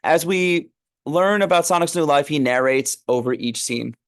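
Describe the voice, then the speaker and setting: A man's voice: on the high side, moderate pace. A man narrating a script read, reading stage directions aloud in an informal, amused way.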